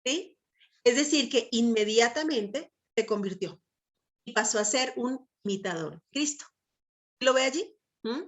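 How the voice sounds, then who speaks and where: In this Bible teaching talk, a middle-aged woman speaks a little slowly and expressively in a somewhat high voice. Her tone is full of emphatic conviction, and she often pauses to ask listeners brief checking questions.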